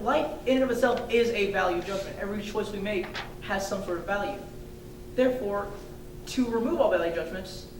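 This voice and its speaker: A young woman giving a student thesis defense presentation in a hesitant, halting way with informal hedging asides. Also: darkish tone. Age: young adult. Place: indoor room, recorded from a distance. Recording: echoey room, distant mic, rumbling noise.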